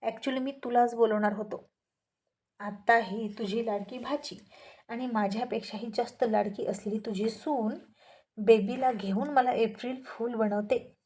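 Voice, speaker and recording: A woman's voice: on the high side, fairly even intonation, unhurried, a little mellow, lightly acted. A woman voicing a young man who scolds angrily and in a panic. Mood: angry scolding. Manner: scolding, exasperated.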